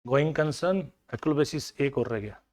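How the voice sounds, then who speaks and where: A man's voice: a little high, expressive, unhurried, a little mellow. A man teaching an accounting class, explaining with everyday household examples and coaxing students to remember answers. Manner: everyday household examples, mixing in English terms. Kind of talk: classroom lecture.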